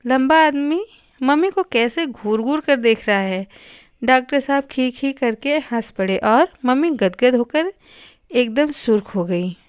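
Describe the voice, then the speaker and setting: A woman reading a novel aloud with expressive, measured storytelling on a close microphone. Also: sits high, clear, resonant tone, no room sound. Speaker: narrator. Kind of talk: audiobook reading of a Hindi novel.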